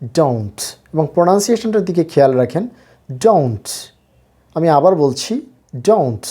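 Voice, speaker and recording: Mellow-voiced Bangladeshi man teaching English. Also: on the high side. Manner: explains slowly and repeats key words. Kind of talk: spoken language lesson.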